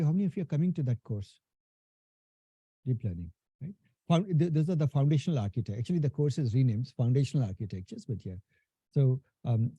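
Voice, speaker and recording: Speaking in a fairly high, warm, slightly rough voice on a dry recording, this male instructor has a thick Indian accent and comes from India and Nepal. His live technical lecture is casual, with the class called "guys." He leans on "right?" a lot and often restarts his sentences.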